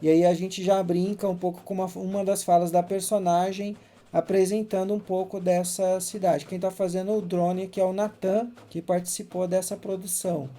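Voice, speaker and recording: A man who is a filmmaker and journalism professor, calmly explaining his documentary on a commentary track. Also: sits high, moderate pace. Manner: calm, explanatory, with frequent "né".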